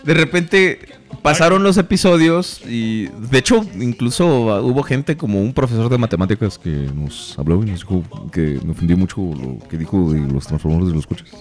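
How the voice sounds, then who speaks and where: A man's voice: on the low side, animated, moderate pace. A man with a Mexican Spanish accent co-hosting a casual comedic podcast, teasing his partners and laughing a lot. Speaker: podcast co-host.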